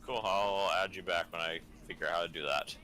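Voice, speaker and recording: A man on voice chat giving short, low-key reactions and farewells. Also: fairly even intonation, brisk, background noise. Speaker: voice chat participant.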